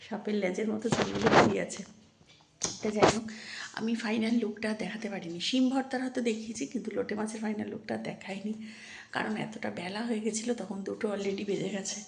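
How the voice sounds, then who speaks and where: A woman talks in a hushed, soft voice for her home vlog, her tone a little gravelly. The room around her sounds roomy, with a faint hiss of noise underneath. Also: mid-range voice, fairly even intonation, fast. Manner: hushed, soft-spoken so as not to wake a sleeping child. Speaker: vlogger. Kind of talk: casual home vlog chat. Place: at home, indoors.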